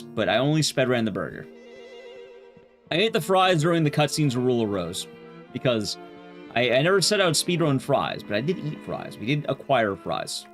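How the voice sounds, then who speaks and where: This man's voice is fairly high and a bit bright as he livestreams a game and chats loosely with his audience. He rambles, frequently abandoning a sentence mid-thought to start over.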